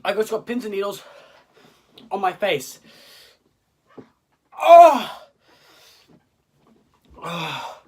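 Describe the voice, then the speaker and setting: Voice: mid-range voice, unhurried, long pauses, breathy edge. A vlogger speaking casually and swearing while in pain, mouth burning from spicy food. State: in pain, coughing and sighing. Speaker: online video host.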